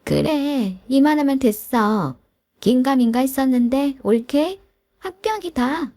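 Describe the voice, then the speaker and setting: A woman playing a bossy high-pitched sister-in-law. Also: expressive, measured pace, dark tone, no echo. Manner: bossy, presumptuous, talks down. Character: grabby pushy older sister-in-law, middle-aged woman.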